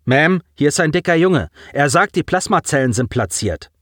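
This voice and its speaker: A man's voice: fairly high pitch, animated, a bit bright, dry recording, studio quality, voice pushed up. A man voicing a nervous male soldier reporting in a hurry. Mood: hurried. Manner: hurried, unsure.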